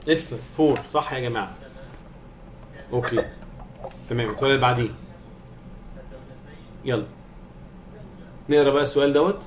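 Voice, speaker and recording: A man's voice: medium pitch, a little fast, long pauses, slight background noise. A young man with an Egyptian Arabic accent teaching a private online math lesson, coaxing his students and checking that they follow. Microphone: video call.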